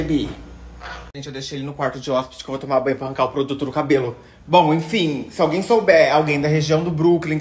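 A young Brazilian man, chatting on casual phone stories and coaxing a pet in a sweet, expressive voice, indoors at home. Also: fairly high pitch. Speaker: influencer. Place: indoors at home, apartment rooms. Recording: echoey room.

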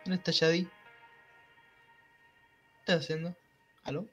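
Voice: medium pitch, little pitch movement, a little slow, dull audio, soft background music. A gamer, chatting casually with a friend, giggly and narrating what is on screen. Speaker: gaming friend. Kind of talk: casual gaming chat.

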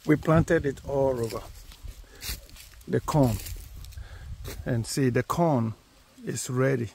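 A man from Ghana narrates a casual outdoor tour of his crops, speaking slowly and plainly while holding his phone as he walks. His medium-pitched voice has vocal fry and is a little mellow, with a slight hiss or hum in the recording.

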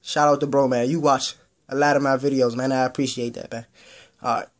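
Young man, gaming channel host, casual vlog, rambling, slangy, mid-pitched voice. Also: flat delivery, fairly quick. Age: young adult. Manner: rambling, repeats himself, loose slangy talk.

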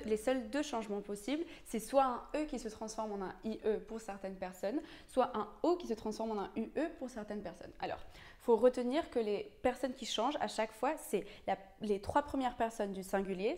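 A woman's voice: on the high side, darkish tone. A young woman explaining verb conjugations in a casual, patient way, with frequent hesitations and restarts. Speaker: language teacher. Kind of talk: explaining Spanish grammar in French.

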